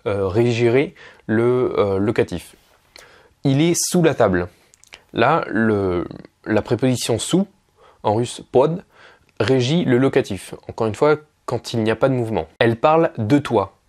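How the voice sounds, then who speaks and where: A man's voice: medium pitch, a little mellow. Young male tutor, online lesson, talks it through with frequent fillers and restarts. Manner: explains step by step with many fillers and self-corrections. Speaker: language teacher.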